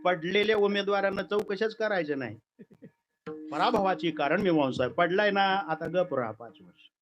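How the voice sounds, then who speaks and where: A man performing a kirtan, telling a sacred story in a lively, dramatic way with comic asides. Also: high-pitched, moderate pace, highs cut off, faint music behind.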